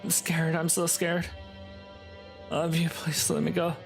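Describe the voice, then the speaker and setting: A man's voice: sits high, steady tone, a little slow, vocal fry, faint music behind, voice pushed up. A man voicing a terrified, wounded young person in a game who begs repeatedly to be let go. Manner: pleading, frightened, repetitive.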